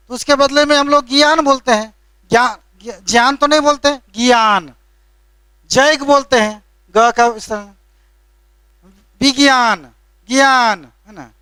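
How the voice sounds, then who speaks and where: The voice of this male classroom teacher is very high, bright and forceful, yet smooth and resonant in tone. Patient in his explanations, he occasionally scolds lightly and checks in with a tag question after every point. The recording is dry and close, with no room sound.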